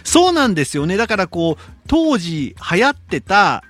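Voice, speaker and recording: A man hosts a radio show, chatting about listener letters. His voice sits high and swings widely in pitch. Soft music plays faintly under his talk. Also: moderate pace. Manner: lively, reads letters aloud, then comments chattily.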